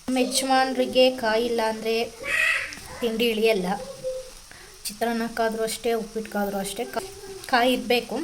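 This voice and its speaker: A woman's voice: fairly high pitch, little pitch movement, moderate pace, pauses often, noisy background. A young woman, a homemaker and vlogger, chatting casually at home and explaining her chores as she works. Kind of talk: casual vlog narration.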